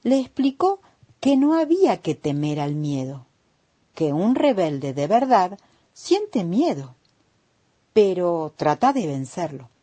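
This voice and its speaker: A woman with an Argentine accent reading a children's story on the radio, gentle, unhurried and expressive. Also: fairly low pitch, slightly rough.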